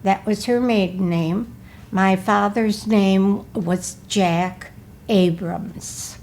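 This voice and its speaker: A woman in her eighties from Wisconsin, recalling her life in a slow, careful, measured way during an interview. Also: medium pitch, steady tone, darkish tone, slight background noise. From Milwaukee, Wisconsin. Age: 80s. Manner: slow, careful, measured recollection, often asking to repeat. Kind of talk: recorded life-story interview.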